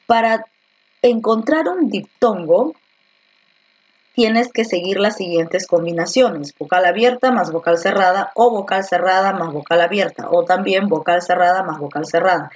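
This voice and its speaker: A woman's voice: on the low side, a little slow, lo-fi sound. Woman teacher walking through a grammar lesson. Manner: explains step by step, asking and answering her own questions.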